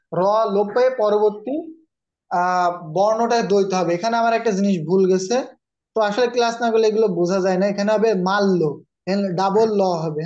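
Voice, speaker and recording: A man's voice: high voice, a little mellow, muffled recording. Man teaching a Bengali grammar class. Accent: Bangladeshi Bengali. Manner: explains patiently, scolds students, calls on them by name. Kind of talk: online exam-prep grammar class.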